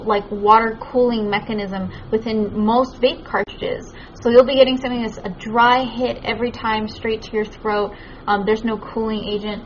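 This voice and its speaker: A woman with a fairly high voice co-hosts a casual conversation. She explains and advises carefully. The sound is somewhat dull, with faint noise in the background. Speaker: co-host. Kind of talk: casual chat, giving advice.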